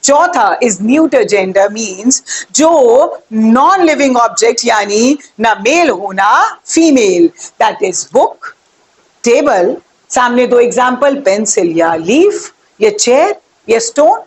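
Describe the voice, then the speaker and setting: A young woman teaching an English grammar lesson, explaining slowly, spelling words out letter by letter and asking her viewers questions. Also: a little high.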